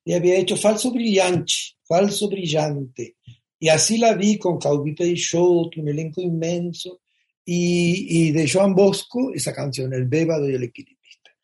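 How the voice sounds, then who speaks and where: A performer visits a radio show and tells stories in a theatrical, expressive way, full of flair. The voice sits at a middle pitch and moves through anecdotes with dramatic emphasis. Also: normal speed. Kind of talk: casual radio interview.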